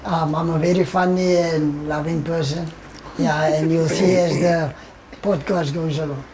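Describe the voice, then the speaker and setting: Lighthearted young player. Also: male voice, fairly high pitch, fairly even intonation, measured pace, a little mellow, a little hiss or hum, rough recording. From Cape Town, South Africa.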